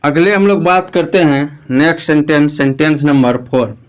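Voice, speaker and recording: A young man with a Bihari Hindi accent teaching English grammar online. His voice sits high and rings clean and smooth. He talks patiently, repeating phrases and reassuring students. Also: fairly even intonation, moderate pace.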